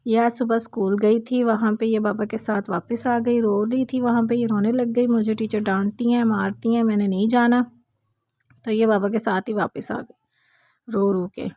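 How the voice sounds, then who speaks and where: A young mother talks straight to her viewers in a relaxed home vlog, her voice mellow and steady. She keeps an even, flat tone, and the sound is dry and close. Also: fairly high pitch, moderate pace, no echo. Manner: chatty, addresses viewers directly. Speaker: vlogger, mother. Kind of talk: casual vlog narration.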